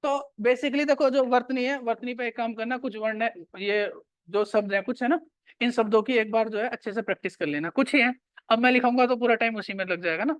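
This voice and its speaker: A man's voice: extremely high pitch, brisk, no room sound. Man lecturing a class, quizzing students. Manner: repeats key points and quizzes students. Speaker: teacher.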